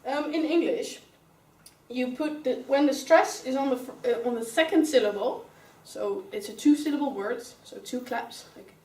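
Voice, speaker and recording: A young student teacher with a Dutch accent leads an English grammar lesson, working through each rule step by step and calling on pupils by name. Her slightly high, slightly mellow voice moves at a moderate pace and is picked up by a distant mic in an echoey classroom.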